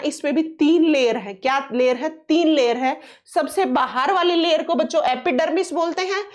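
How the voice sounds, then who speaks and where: Casting note: high-voiced female teacher, exam-prep science class, repeats key terms, asks then answers her own questions. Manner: coaxing, reassuring tone toward students; reads English question text slowly.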